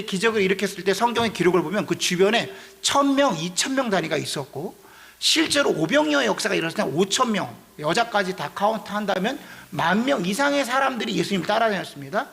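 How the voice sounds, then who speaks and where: A man's voice: sits high, very animated, fairly quick, creaky, fairly bright tone. A man preaching a sermon as pastor, explaining scripture in a conversational way with rhetorical questions.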